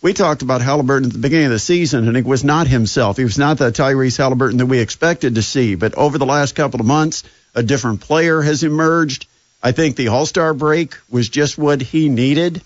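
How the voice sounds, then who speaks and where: A man's voice: mid-range voice, fairly quick, dry recording, highs cut off. A man hosting a sports radio show, talking casually with sarcasm and plenty of fillers. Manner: sarcastic, chatty, lots of fillers.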